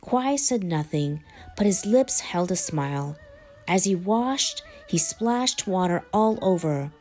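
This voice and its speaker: A woman reads a children's storybook aloud in a lowish voice, expressive and animated, with wide pitch swings at an unhurried, measured pace. Background music plays behind her.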